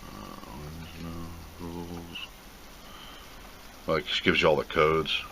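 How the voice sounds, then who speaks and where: In this product review video, the male host has a very deep, bright voice with a forceful tone, and he speaks expressively at a slow pace. His unboxing commentary is casual and plain-spoken, wandering as he thinks out loud. You can clearly hear background noise.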